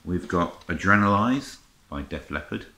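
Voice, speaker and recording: His low voice comes out expressive, pushed and bright, and a little slow as this middle-aged man vlogs his music haul without a script, tossing in muttered asides and exclamations while browsing. Record shelves line the indoor room. Roomy echo, faint noise, and clicking handling sounds fill the recording.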